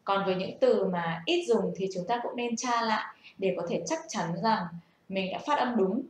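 A woman's voice: medium pitch, moderate pace. Young woman explaining, echoey. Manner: patient, explanatory, asks the listener rhetorical questions. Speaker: self-taught English learner sharing tips. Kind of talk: casual spoken lesson. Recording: echoey room.

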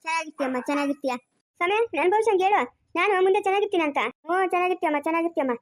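Playing a fussy village woman in an amateur family skit, an actress uses a rural Chikkaballapur Kannada accent, chattering, coaxing and scolding in a bantering mood. Her very high voice races along at breakneck speed.

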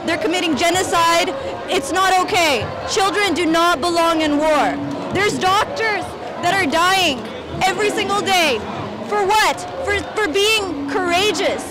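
A woman's voice: extremely high pitch, unhurried, heavy background noise. A woman protester speaking impassioned and blunt into a handheld mic at a rainy outdoor march. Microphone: handheld mic held by interviewer. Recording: loud crowd and music outdoors.

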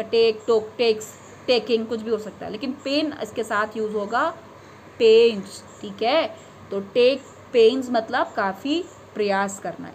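A young woman teaching an English grammar lesson, explaining patiently, reading example sentences slowly and often checking that students follow. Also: fairly high pitch, a little hiss or hum.

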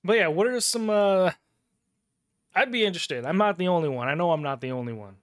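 A man's voice: high-pitched, expressive, fairly quick, dry recording, studio quality. A man telling a loose, profane story on a casual gaming livestream, chuckling and sipping a drink as he goes. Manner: sips a drink between lines. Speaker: gaming streamer.

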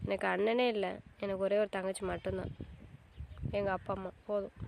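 A woman's voice: mid-range voice, brisk, creaky, noisy background, lightly acted. A woman playing a cold, hurt young wife. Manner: cold, flat, stubborn. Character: young wife and new mother, hurt and resolute. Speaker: actor in a web drama. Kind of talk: melodramatic family drama acting.

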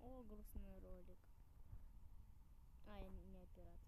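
A woman's voice: mid-range voice, fairly even intonation, a little slow. A woman playing a game with a friend, chatty and playfully complaining. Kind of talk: casual gaming chat. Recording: loud background noise with clicks.

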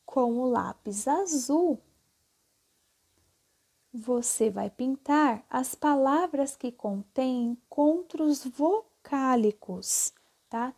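A woman teacher talks slowly and patiently, going over each step twice and checking in with the class. Her voice sits a little high but sounds mellow and soft. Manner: slow, patient, repeats steps with "tá?". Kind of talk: classroom lesson explaining exercises.

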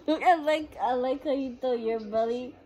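A woman's voice: sits high, unhurried, mellow. A woman filming a casual chat vlog, teasing and playful. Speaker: vlogger.

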